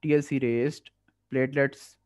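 A man with a Pakistani accent going through medical exam past papers as a tutor. He reads the English questions slowly, then explains quickly in Hindi-Urdu. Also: mid-range voice, level tone, a little mellow. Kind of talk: past-paper review lecture. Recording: dull lo-fi audio.

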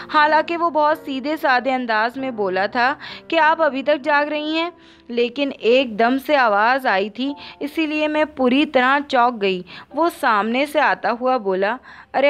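High-voiced woman reading a novel. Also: fairly bright tone. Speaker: audiobook narrator. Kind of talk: first-person novel narration. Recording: dull lo-fi audio.

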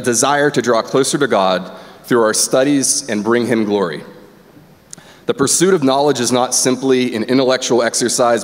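A man giving a formal, emphatic ceremonial address from a podium as a university official welcoming students. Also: medium pitch. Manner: emphatic, rallying the crowd. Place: large chapel auditorium on stage. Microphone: podium microphone. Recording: long hall reverb with crowd noise. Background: faint crowd.

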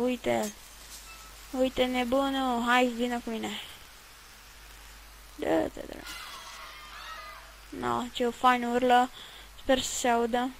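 A woman's voice: a little high, vocal fry, fairly bright tone, a little hiss or hum, low-quality recording. A woman giving rambling, chatty commentary while playing a video game, swearing at it now and then. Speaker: let's play gamer. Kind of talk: casual gameplay commentary.

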